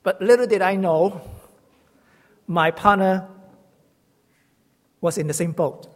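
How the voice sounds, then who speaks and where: Guy, kinda high voice, halting church teaching talk with little jokes, big reverby hall. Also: steady tone. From Hong Kong. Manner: halting, self-correcting, gently humorous. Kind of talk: sermon-style teaching talk.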